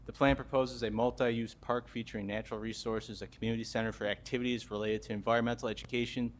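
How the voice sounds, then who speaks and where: A man, a town landscape architect, presenting a park plan at a public board meeting in a steady way. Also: mid-range voice, fast.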